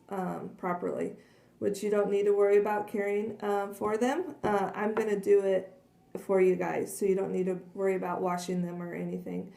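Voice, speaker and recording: Demonstrating cleaning cloths in her home kitchen, a woman speaks casually and earnestly, chatty and heavy on fillers. Her mid-range voice has a dark tone and is a little hoarse from losing it, with frequent coughs and throat clearing, in an echoey room.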